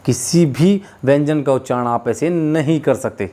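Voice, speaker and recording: Speaking at a moderate pace, this man has a mellow voice that sits on the high side. He is giving a Hindi pronunciation lesson, going over sounds and explanations again and again and having students repeat after him. Addressing viewers as children and friends, he drills each sound aloud.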